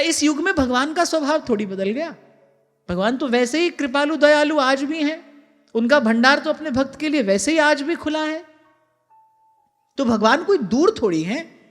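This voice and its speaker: This male spiritual teacher's voice sits at an extremely high pitch and is a bit bright. In a large hall with long reverb and faint music, he gives a devotional sermon that includes sung verses, earnestly repeating key phrases for emphasis.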